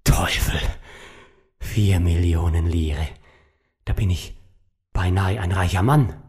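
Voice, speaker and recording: A man's voice: sits low, slow pace, a little mellow. A man voicing an anxious, troubled male painter who mutters tensely and broods. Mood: stunned.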